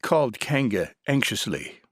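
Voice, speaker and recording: A man reads a children's story aloud with a very animated, lively delivery at a middle pitch. The sound is close and dry, with no room around it. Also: a little slow, no room sound. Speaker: audiobook narrator. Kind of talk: expressive storybook narration.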